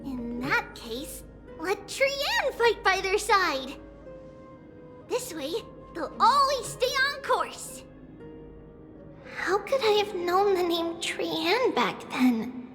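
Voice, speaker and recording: Little game girl, hyper and childlike, squeaky high, drawn-out slow pacing, reverb, music behind. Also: big pitch swings, a bit bright, exaggerated voice. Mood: eager. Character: eager, bubbly, boastful little girl, a holy maiden. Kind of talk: scripted game dialogue.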